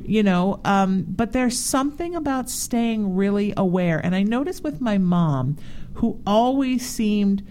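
A woman's voice: mid-range voice, animated, measured pace, a little mellow, a little hiss or hum. A woman in her forties hosting a talk show, chatting casually and telling stories with animation. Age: 40s. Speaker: show host.

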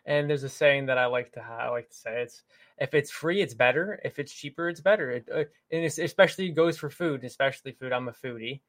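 A man's voice: medium pitch, brisk, fairly bright tone. Upbeat male talk show co-host. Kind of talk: casual radio banter.

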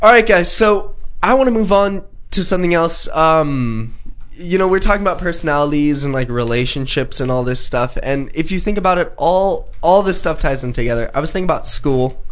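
A man's voice: fairly high pitch, animated, fairly quick, a bit bright. A teenage male host chatting casually on a talk radio show, his adolescent voice prone to cracking.

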